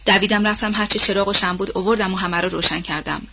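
A fretful old nanny woman, read by a woman in a storybook recording, rambling on in a loose, colloquial way. Her voice sits at a middling pitch. The sound is dull and lo-fi. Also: steady tone, bright, forceful tone, a little hiss or hum. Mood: worried. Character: old household nanny woman, anxious and gossipy. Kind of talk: audiobook role-play reading.

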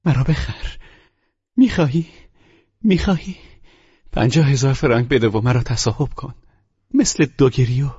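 A man's voice: medium pitch, big pitch swings, creaky, hardly any pauses, breathy edge, exaggerated voice. A man reading an audiobook voices a proud young woman who is scornful and breaks into distraught outbursts. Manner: contemptuous, shouting, sobbing outbursts. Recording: muffled lo-fi recording.

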